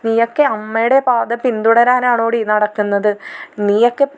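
A woman's voice: on the high side, level tone, moderate pace, smooth, natural voice. A woman voicing a distraught middle-aged father who speaks bitterly and laments.

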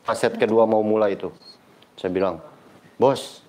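A man's voice: lowish voice, fairly quick. A middle-aged man, a badminton coach telling stories to teach his players and acting out the dialogue as he goes. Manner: lively storyteller acting out quoted dialogue. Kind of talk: casual coaching talk with anecdotes.

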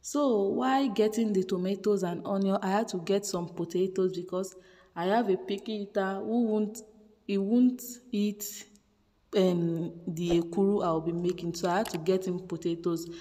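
A woman's voice: mid-range voice, fairly even intonation, normal speed, warm tone, big-room sound. A woman chatting through a home cooking vlog voice-over, repeating words for emphasis. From Nigeria. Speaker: cooking vlogger. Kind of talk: casual voice-over narration.

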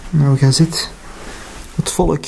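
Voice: medium pitch, fairly even intonation, slow, creaky, dark tone, a little hiss or hum. A person with a Flemish accent, wandering through an abandoned house and thinking aloud in casual commentary. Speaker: urban explorer.

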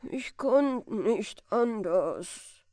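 A woman's voice: fairly high pitch, expressive, drawn-out words, mellow, no room sound, clean studio sound. A woman reading a storybook aloud, voicing a frightened poor drifter man who pleads through sobs. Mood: despairing. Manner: pleading, sobbing.

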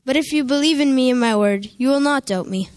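A young woman playing Jesus in a church play, speaking calmly and reassuringly in recited lines. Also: high voice, brisk, lightly acted. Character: Jesus, calm gentle male savior.

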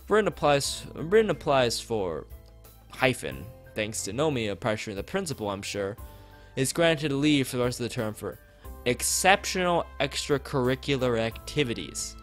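A man streams a visual novel, reading its text aloud at normal speed in a mid-range, sing-song voice and tossing in casual comments. He often stumbles over lines and repeats phrases, with background music behind his voice.

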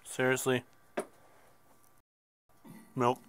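A man's voice: medium pitch, monotone, extremely slow, fairly bright tone, slight background noise. A man with a stuffy nose chatting casually through a mobile bowling game, mocking himself and bursting out at his misses. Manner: chatty, self-mocking, sudden outbursts at misses. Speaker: gameplay video host.

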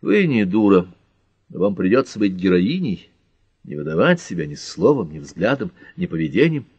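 A man voicing a calm, logical male detective in an audiobook, measured and instructive. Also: low-pitched, husky, no echo, lo-fi sound, exaggerated voice.

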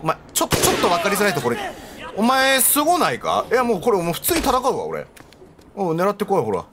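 Guy streaming a zombie game, high voice, super lively, keeps yelling at the characters, game music going. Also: quick pace, heavy background noise. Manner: animated, joking, talks back at the screen. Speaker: let's play streamer. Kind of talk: gameplay commentary.

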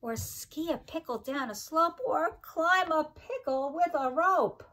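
Her high voice full of lively intonation and fairly bright in tone, a middle-aged teacher reads a picture book expressively to young children. She speaks slowly in a sing-song way, adding chatty asides, indoors in a home kitchen-like room.

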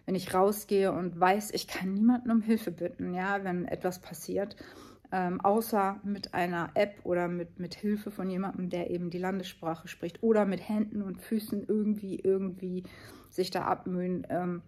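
A woman's voice: on the low side, steady tone, normal speed, a little mellow. A woman in her fifties talking casually and earnestly in a travel vlog, with many fillers and restarts. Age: 50s. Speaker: vlogger.

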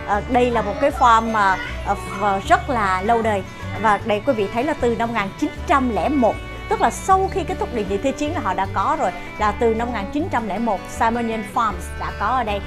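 Strolling through a farm market and then its shop, a chatty middle-aged woman hosts a travel show walking tour to camera in a fairly high voice while music plays clearly in the background. She keeps stopping on "ờ" fillers to point things out, speaking to her audience as "quý vị".

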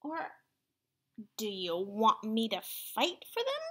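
A loud, bossy little ladybug from a children's storybook who picks fights with everyone, put on by a woman reading aloud. Her voice jumps up high and swoops wildly as she barks her challenges. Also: huge pitch swings, takes it slowly, heavily acted. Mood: angry.

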